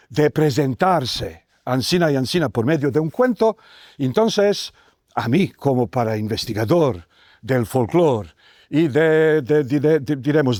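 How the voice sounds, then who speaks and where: A man's voice: a little high, darkish tone, dry recording, studio quality. Storytelling man with a Bosnian accent. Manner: storytelling, unhurried with many restarts. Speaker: tour guide and folklorist. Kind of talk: guided walking tour talk.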